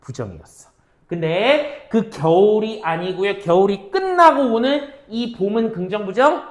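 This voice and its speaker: A woman teaches exam-prep literature, firing off questions and answering them herself while mixing casual and polite speech and checking understanding often. Her mid-range voice is expressive and a little slow, recorded with a roomy echo.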